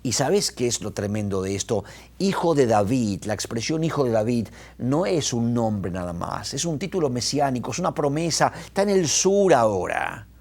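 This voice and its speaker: A man preaching a sermon, talking in an animated way and often restarting his words. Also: medium pitch, normal speed. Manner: animated, retells scenes with quoted voices, restarts. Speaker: pastor.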